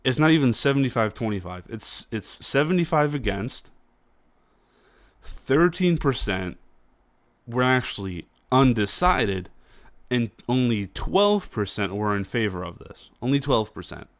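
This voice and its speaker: A man hosting casual political commentary, talking in a halting way with many fillers and restarts. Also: medium pitch, very animated, no echo.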